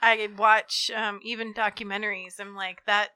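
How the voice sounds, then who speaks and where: A woman's voice: mid-range voice, flat delivery, moderate pace, bright, forceful tone, clear, resonant tone, no room sound. A woman hosting a casual podcast chat, playful and teasing as she asks questions. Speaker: host.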